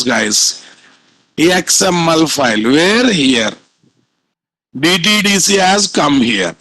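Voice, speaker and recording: High-pitched man teaching with Telugu Indian accent. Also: a bit bright, no room sound, poor audio. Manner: repeats points and quizzes listeners with frequent rhetorical questions. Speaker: programming instructor. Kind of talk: live lecture to students.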